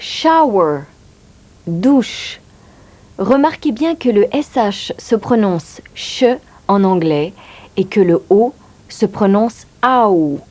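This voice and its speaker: A woman's voice: mid-range voice, animated, slow pace, dark tone. A woman teaching English in a scripted lesson, carefully explaining pronunciation. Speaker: language teacher.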